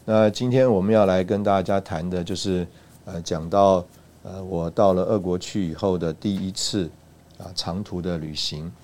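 A man from Taiwan recounting a personal church testimony, halting, with frequent "uh" and "ah" fillers. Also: deep voice, fairly even intonation, darkish tone. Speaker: church speaker giving a testimony.

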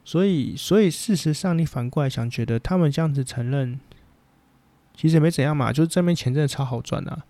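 A man with a Taiwanese Mandarin accent holds forth in a casual podcast chat, blunt and rambling, swearing without a second thought. His voice has a gravelly, mellow timbre. The sound is dry and close, with no room around it. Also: fairly high pitch, brisk, dry recording. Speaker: podcast host.

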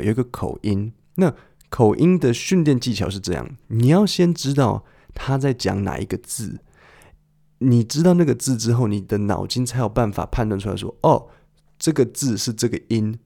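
Gravelly low-voiced man teaching listening. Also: dark tone. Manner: patient, conversational teacher who asks listeners questions. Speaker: podcast host and English listening teacher. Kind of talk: explaining a listening lesson.

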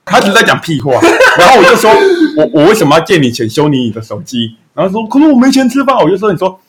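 A man's voice: sits high, wildly swooping pitch, fast talker, a bit bright. A young man with a Taiwanese Mandarin accent hosting a casual podcast chat, joking, laughing often and swearing casually. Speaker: podcast host.

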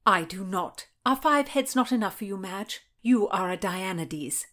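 A woman voicing a loyal, sharp-tongued Tudor noblewoman who speaks with biting defiance in an audiobook reading. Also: medium pitch, lively intonation, unhurried. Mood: defiant.

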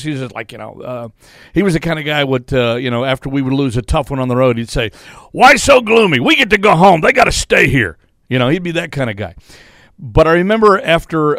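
A man's voice: medium pitch, a bit bright, no room sound, studio quality. A middle-aged man hosting a casual sports talk show, rambling with restarts and chuckles.

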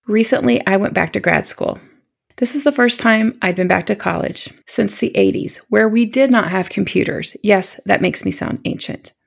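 Gravelly-voiced woman in her fifties hosting. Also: medium pitch, normal speed. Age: 50s. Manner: gentle, encouraging, confiding. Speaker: podcast host. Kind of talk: warm solo podcast talk.

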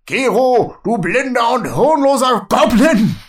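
A man voicing a bossy male dwarf who shouts and scolds his cousin. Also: high-pitched, animated, slow, pitched above the performer's own voice, heavily acted. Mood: angry.

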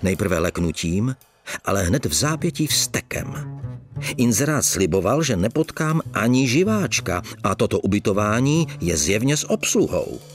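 A man narrating an audiobook with expressive storytelling. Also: lowish voice, soft background music. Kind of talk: audiobook reading.

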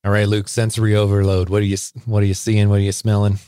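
A man's voice: fairly low pitch, monotone, quick pace, mellow, a little hiss or hum. A man hosting a casual podcast from home over a remote call, leading a beer tasting with easy questions. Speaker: podcast host. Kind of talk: casual chat.

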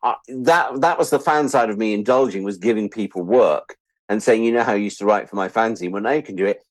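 A British English speaker in his sixties, a writer-producer, talks fast in a lowish voice with no echo. Interviewed as a guest, he tells animated, self-deprecating anecdotes and acts out snippets of dialogue.

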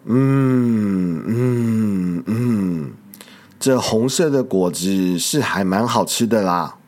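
A storyteller voicing an injured, fierce male tyrannosaurus in a picture-book story, groaning and gruff. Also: mid-range voice, lively intonation, very slow, darkish tone, voice pushed down. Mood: grumbling.

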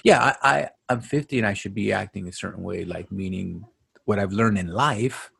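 A man in his late forties chatting as co-host over a video call, animated, acting out little quotes and dropping Spanish words. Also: fairly low pitch, moderate pace, gravelly, husky. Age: 40s. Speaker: podcast co-host. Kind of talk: casual chat.

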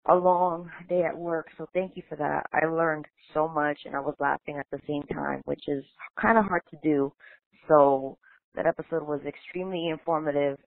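A woman leaves a voicemail over the phone, chatty and thankful. Her voice has a gravelly edge. The message is dry and close, with the narrow, tinny sound of a phone line. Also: low-pitched, dry recording. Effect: voicemail played over a phone line. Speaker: listener leaving a voicemail. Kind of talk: casual spoken phone message.

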